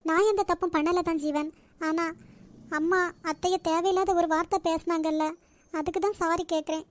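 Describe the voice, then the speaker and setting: A woman voicing a pleading, lovesick young woman in a cartoon, with a Nagercoil Tamil accent and a soft, pleading manner. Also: very high-pitched, fairly even intonation, moderate pace. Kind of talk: cartoon voice acting.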